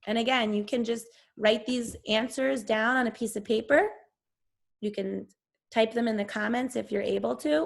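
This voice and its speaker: Gravelly-voiced woman teacher reading aloud. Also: a little high. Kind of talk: read-aloud to a class.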